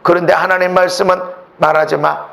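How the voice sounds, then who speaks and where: A male pastor preaching a sermon, swinging from shouts to hushed asides and acting out the voices he quotes. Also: high-pitched, flat delivery, fairly quick, vocal fry. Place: church sanctuary.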